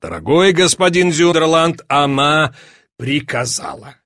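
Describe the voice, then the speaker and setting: A man reading an audiobook, voicing a sly police chief who feigns sympathy and teases with drawn-out pauses. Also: on the high side, fairly bright tone, no echo, clean studio sound. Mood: mock-sympathetic. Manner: measured, drawn-out teasing pauses.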